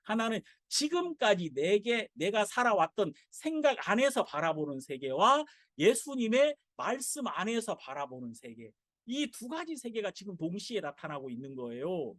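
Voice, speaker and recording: Male pastor, dramatic storytelling preacher, very expressive pitch. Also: moderate pace, no echo, studio quality. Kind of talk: sermon.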